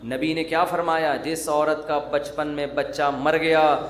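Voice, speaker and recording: A man's voice: on the high side, little pitch movement. A male Islamic preacher giving a sermon in a joking, teasing, conversational way. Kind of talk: humorous sermon. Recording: roomy echo.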